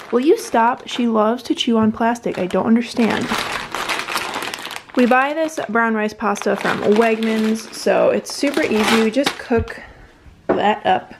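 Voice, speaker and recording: A woman's voice: medium pitch, creaky, noisy background. A young woman in her twenties chatting casually to the camera at home, bubbly and rambling. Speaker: vlogger. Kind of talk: casual chat. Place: home, indoors.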